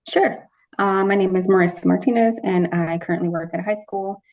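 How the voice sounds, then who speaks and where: A woman high school social worker giving a polite, brisk self-introduction. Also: steady tone, darkish tone. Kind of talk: casual self-introduction in a group meeting.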